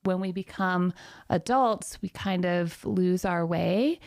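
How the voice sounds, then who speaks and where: A woman's voice: fairly low pitch, slow pace, no echo, studio quality. A woman guest, a parenting coach, chatting casually and telling stories about families she has worked with. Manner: storytelling, quotes others in lively voices. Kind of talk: casual conversation.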